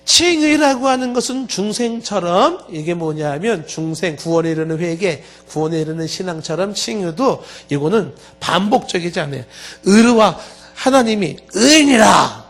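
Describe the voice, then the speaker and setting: A male pastor preaching a Wednesday sermon, animated and joking, acting out little scenes. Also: high-pitched, moderate pace, hardly any pauses. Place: church sanctuary.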